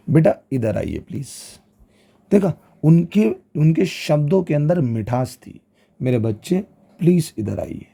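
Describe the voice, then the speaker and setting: A man teaching a class, slow and stressed, often checking whether his students follow. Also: mid-range voice, gravelly. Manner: animated, keeps asking if students follow; slow, stressed delivery with acted examples. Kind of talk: classroom lecture.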